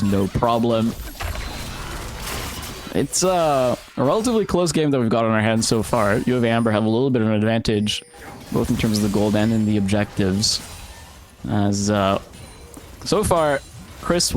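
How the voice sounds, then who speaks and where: A man calling esports play-by-play, steady and running, with occasional fillers. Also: fairly low pitch, normal speed, long pauses, faint music behind. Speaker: play-by-play commentator.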